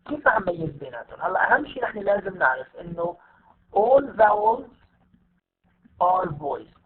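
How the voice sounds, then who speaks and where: A man with a Levantine Arabic accent teaching an English lesson, patiently repeating example words slowly for his students. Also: high voice, very animated, slight background noise. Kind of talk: online lesson. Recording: tinny phone-like audio.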